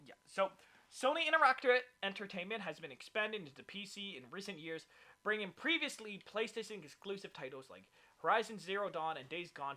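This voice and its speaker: Male podcast host, excitable rambler, bright and slightly high voice. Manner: rambling, filler-heavy, excitable. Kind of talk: casual chat.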